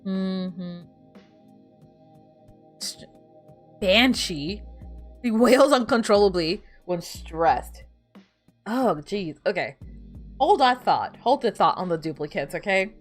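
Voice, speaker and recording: Speaking slowly and expressively at a medium pitch, this woman pauses often as she plays a video game and chats with her audience. Spanish is her first language, and she rambles and keeps restarting sentences. Soft background music accompanies her.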